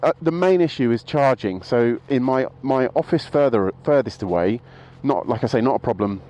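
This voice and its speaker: A man with a warm, expressive, medium-pitched voice talks at a normal speed about his motorbikes in a casual vlog, recorded in low quality outdoors by a road with street noise behind. He's out of breath, rambling, and frequently cuts himself off to restart sentences.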